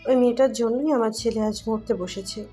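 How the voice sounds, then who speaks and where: A tearful, angry middle-aged mother from an audio story, as a woman narrator puts her on. She scolds in a high voice, with a timbre set apart from the narration. Faint music plays under her lines. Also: normal speed, darkish tone, lightly acted. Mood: tearful, accusing. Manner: scolding, accusing.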